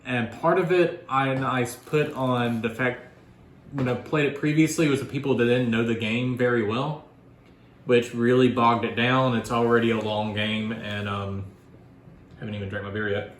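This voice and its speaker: A man talks through a board game review as a guest, in casual conversational speech. He explains things in a loose, rambling way at a middle pitch. The room around him is clearly echoey. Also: steady tone, moderate pace, a little hiss or hum.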